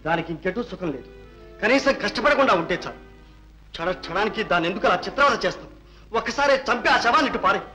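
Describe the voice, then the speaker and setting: Casting: a grave, rapid, sharp-voiced uncle confronting the husband. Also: male voice, high voice, expressive, faint music behind, rough recording. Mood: stern. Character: dignified wronged uncle of the wife. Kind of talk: old film drama acting.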